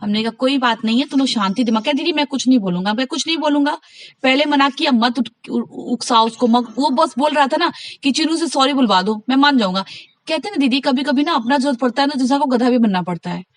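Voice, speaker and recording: In a casual private phone call, a woman with a high voice talks fast and insistently, handing out advice. She recounts what others said by acting out their quotes, and the recording is dry.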